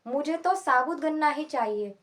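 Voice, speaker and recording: A woman's voice: high-pitched, lively intonation, moderate pace, fairly bright tone. A woman voicing a grown courtier pretending to be a stubborn crying boy, who keeps refusing with insistent, whiny demands. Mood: stubborn whining.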